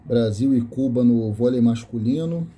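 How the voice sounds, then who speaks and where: Man listing old tape labels, dark voice. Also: medium pitch, moderate pace, husky. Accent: Brazilian Portuguese. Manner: reads tape labels aloud in a list, self-correcting. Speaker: video host showing a collection of VHS tapes. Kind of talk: casual off-camera commentary. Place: small room indoors.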